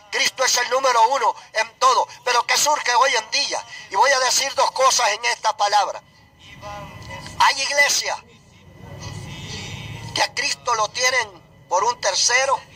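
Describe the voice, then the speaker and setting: Male preacher, very high tense voice, fervent repetitive sermon, shouted peaks, music bed. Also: slightly rough, low-quality recording.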